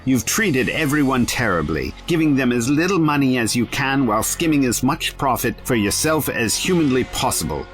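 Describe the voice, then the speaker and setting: A man in an audio drama playing a quick-witted, righteous adventurer, sardonic and theatrical. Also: medium pitch, expressive, faint music behind, lightly acted. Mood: accusing. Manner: wry, sarcastic, theatrical.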